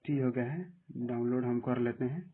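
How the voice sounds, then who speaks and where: A man with a husky voice giving plain step-by-step instructions in a screen-recorded app tutorial. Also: medium pitch, steady tone, normal speed. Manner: plain step-by-step instructions, often saying "dekhiye". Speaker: tutorial presenter. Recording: tinny phone-like audio.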